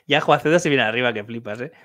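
A man, co-hosting a relaxed livestream, playful and quick to laugh as he reads out suggestions. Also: mid-range voice, no echo, clean studio sound. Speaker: podcast co-host. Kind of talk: casual chat on a livestream.

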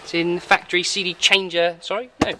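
High-pitched and brisk, with a sharp, level tone, this installer gives a casual, matter-of-fact walkthrough of car audio gear. He speaks off the cuff in and around a parked car, against slight background noise.

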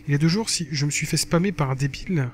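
A man's voice: a little high, fast, a little hiss or hum. A man giving casual commentary for a gaming video, rambling and correcting himself as he talks, with an occasional swear. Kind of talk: casual commentary while reading a blog aloud.

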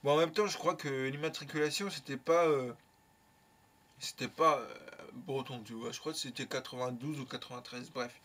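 A young man telling a casual story in a lively, slangy way, with plenty of swearing. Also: mid-range voice, normal speed. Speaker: YouTuber.

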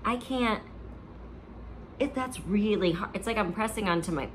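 A woman's voice: mid-range voice, normal speed, slight background noise. A woman doing push ups and chatting casually with her workout partner, picked up by a camera mic in a room. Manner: counting and talking while doing push-ups. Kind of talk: casual chat during exercise. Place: living room at night, on exercise mat. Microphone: camera on floor, a few feet away.

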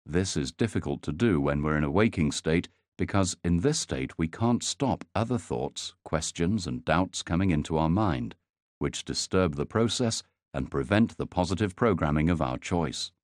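Male hypnotist, very low voice with lively melody, dry close sound, soothing. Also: no echo. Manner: slow, soothing, measured delivery. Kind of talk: guided sleep hypnosis.

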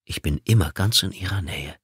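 A cold male killer taunts his victim down a phone line, unhurried and sneering, as a male narrator puts him on. The voice sits deep and low, recorded close and dry with no room around it. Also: a bit bright, breathy edge, no echo, exaggerated voice. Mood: taunting.

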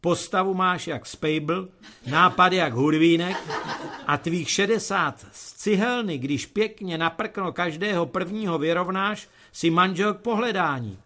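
A gruff, insulting father, acted by a man reading a humorous story thunders his scolding. The voice is louder and higher than the reader's own. There is a faint hiss underneath. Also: natural voice. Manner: booming and insulting. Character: gruff, blunt old father who scolds his son.

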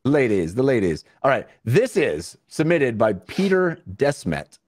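Forties guy running a tabletop game, very animated pitch, dry sound, casual. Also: a little slow, no echo. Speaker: game master. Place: indoors, on a group video call.

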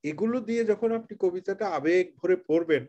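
A man's voice: high-pitched, brisk, mellow, highs cut off. A man leading an online teacher training session, explaining earnestly on a video call and asking rhetorical questions.

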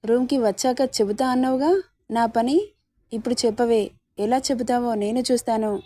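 Playful bossy young husband, read by a woman, mellow and close. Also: a little high, fairly even intonation, a little fast, close to an everyday voice. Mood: teasing. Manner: teasing, bossy. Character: young man, teasing, playful, domineering husband.

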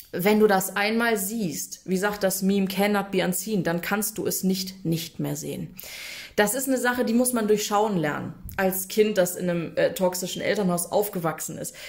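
A woman coaching viewers in a casual, direct-to-camera advice talk, chatty and emphatic, often tagging her sentences with a questioning "ne?". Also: mid-range voice. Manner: addresses viewers directly and informally. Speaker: coach for people affected by narcissistic abuse.

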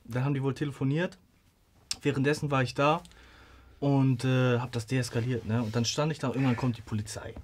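A man's voice: medium pitch, brisk. A man in a podcast studio, retelling a story in casual, slangy chat and laughing as he talks. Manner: animated retelling, slangy, laughing while talking. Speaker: podcast guest. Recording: noticeable background noise with clicks.

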